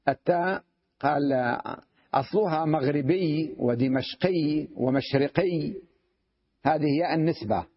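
A man's voice: on the high side, breathy edge. A man, a sheikh, teaching Arabic grammar in a lecture, reading lines from a text and explaining them step by step while often asking if students follow. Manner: checks understanding with frequent rhetorical questions; reads a line from the text, then explains it step by step. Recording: dull lo-fi recording.

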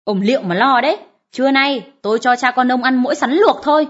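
A woman's voice: high-pitched, sing-song, moderate pace, fairly bright tone. A woman voicing a bitter, nagging peasant wife who scolds her husband harshly in an audiobook. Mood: disgusted. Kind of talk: audiobook character reading. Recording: dull lo-fi audiobook recording.

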